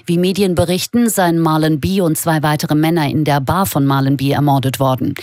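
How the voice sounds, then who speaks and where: Low-voiced female radio newsreader. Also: steady tone, fairly quick, a little mellow, dry recording, clean studio sound. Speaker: radio news presenter. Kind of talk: scripted news reading.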